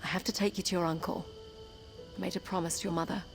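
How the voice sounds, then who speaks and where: An actress playing an earnest, polite young princess in a fantasy game. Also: female voice, fairly low pitch, fairly even intonation, fast, creaky, big-room sound, soft background music.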